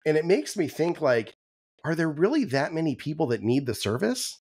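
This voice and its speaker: A man co-hosting a podcast, chatting casually with frequent ums and restarts, his voice going hoarse. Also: on the high side, sing-song, normal speed, a little mellow, no room sound. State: losing his voice. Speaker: podcast co-host. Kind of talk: casual chat.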